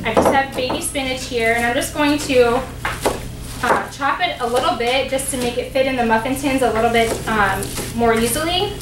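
A woman's voice: high voice, normal speed, distant mic. A young woman in her twenties giving a cooking demonstration in a large kitchen, explaining each step in a friendly way with frequent ums and uhs. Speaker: dietetic intern doing a cooking demo. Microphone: distant camera mic. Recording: roomy kitchen sound from afar, background noise.

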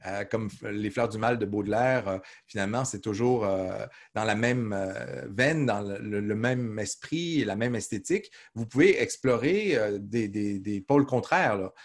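A man's voice: fairly low pitch, normal speed, hardly any pauses. A man teaching a literature class, answering students' questions with frequent hesitations and restarts. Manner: hesitant, many "euh" fillers and restarts. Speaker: literature professor.

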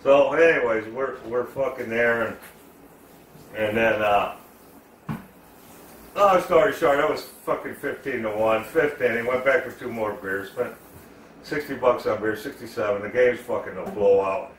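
A man's voice: medium pitch, moderate pace, slight background noise. A man telling a rambling, profanity-filled story in a casual style while he cooks at home. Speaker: cooking vlogger. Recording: echoey room, voice far from the mic.

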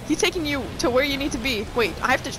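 A woman giving excitable let's play commentary on a horror game, swearing, laughing and fangirling. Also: high voice, quick pace, noisy background. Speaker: gamer playing a horror game.

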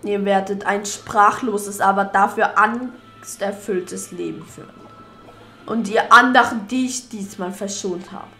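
A woman voicing a menacing dark lord villain while reading game dialogue aloud, with slow, drawn-out, theatrical threats. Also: medium pitch, steady tone, soft background music.

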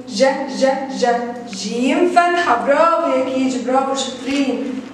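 High-pitched Egyptian woman teaching children. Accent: Egyptian Arabic. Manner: drawn-out, sounded-out words, repeated praise. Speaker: kindergarten teacher. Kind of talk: phonics review lesson for young children. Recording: echoey room from a distance, faint noise.

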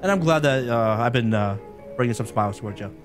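A man streaming a game live, chatting excitably with viewers and laughing often. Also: mid-range voice, quick pace, over music.

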